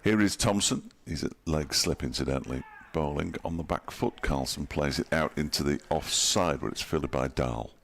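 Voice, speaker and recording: A man giving dry, wry ball-by-ball cricket commentary in a relaxed, chatty way. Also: rumbling low, normal speed, vocal fry, few pauses. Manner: dry, wry and chatty, chuckles at his own jokes. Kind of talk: ball-by-ball radio-style commentary.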